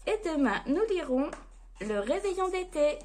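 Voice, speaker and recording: A woman storyteller reading a children's bedtime story aloud in a gentle, expressive way. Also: sits high, unhurried, slight background noise.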